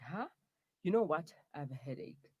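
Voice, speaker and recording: Brief: man voicing a touchy young boyfriend stuck in the wrong body, comic audio drama, whiny outbursts, husky tone. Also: fairly high pitch, expressive, moderate pace, highs cut off. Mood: grumbling.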